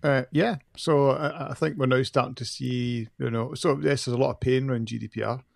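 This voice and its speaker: Male podcast co-host, casual discussion, gravelly fry, dry recording. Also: medium pitch, steady tone, a little fast, dry recording.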